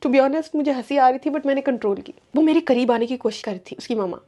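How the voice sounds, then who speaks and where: Young Pakistani woman telling a storytime, high-pitched and quick, mellow tone, chatty and dramatic. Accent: Pakistani Urdu. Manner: chatty and dramatic, mixing in English phrases. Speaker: vlogger. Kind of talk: casual storytime.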